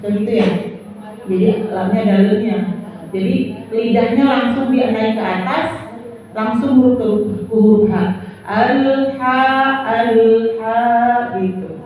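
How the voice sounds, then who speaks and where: A woman's voice: fairly high pitch, a little slow, long pauses, warm tone. A woman teaching Quran recitation to a group of women, patiently demonstrating each verse and explaining the rules. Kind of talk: tajwid lesson to women. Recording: echoey room, far from mic.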